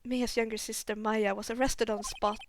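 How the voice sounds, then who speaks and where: A woman's voice: on the high side, little pitch movement, brisk, no echo, studio quality. A woman streamer reading game narration aloud, laughing often between lines. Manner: laughs often, reads unhurriedly.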